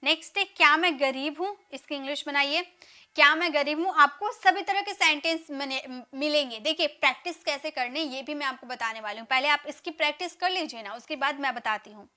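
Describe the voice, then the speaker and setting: A woman teaching a live spoken English class, urging students to answer fast and saying English sentences slowly. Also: sits high, pushed and bright. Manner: drills sentences, urges students to answer quickly; says English model sentences slowly and deliberately.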